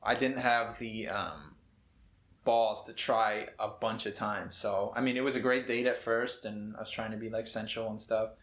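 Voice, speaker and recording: A man's voice: on the low side, fairly even intonation, normal speed, a bit bright. A man in his twenties, a medical student from Minnesota, telling a long story in a casual, rambling way with lots of fillers. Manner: laid-back, rambling with many fillers and laughs. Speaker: medical student, podcast co-host. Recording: echoey room.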